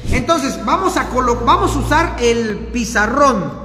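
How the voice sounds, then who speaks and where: A man's voice: extremely high pitch, lively intonation, unhurried, sharp tone, faint music behind. A pastor preaching a sermon, teaching emphatically and pressing his listeners with questions they answer back. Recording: echoey hall with long reverb.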